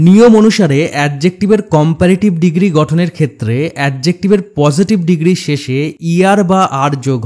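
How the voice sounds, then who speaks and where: A male teacher with a voice pitched a little high walks through a grammar lesson. His delivery is steady and scripted, and he often slows down to repeat example words for the learner. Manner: steady, explanatory, addresses learner directly.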